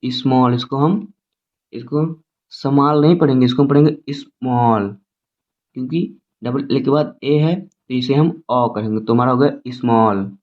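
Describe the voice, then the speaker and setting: Spelling each word letter by letter, a medium-pitched male teacher works through English phonics slowly and repetitively, classroom style, on tinny, phone-like audio.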